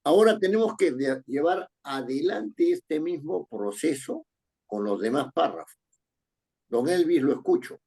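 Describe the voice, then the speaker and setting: Mellow, husky man teaching a class. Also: a little high, lively intonation, a little slow. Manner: explains step by step, checks with "¿no?". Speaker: writing teacher. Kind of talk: online class lecture.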